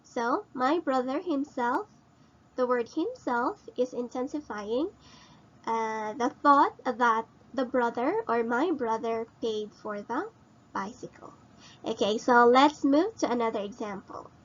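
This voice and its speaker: Woman teacher, slow and patient, asks students questions, slightly high voice, lo-fi recording. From Philippines. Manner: explains slowly and repeats, asks students questions. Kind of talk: recorded grammar lesson.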